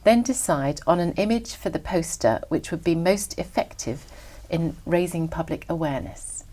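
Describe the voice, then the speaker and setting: A woman examiner reading scripted exam instructions in a formal, measured way. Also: on the low side, warm tone.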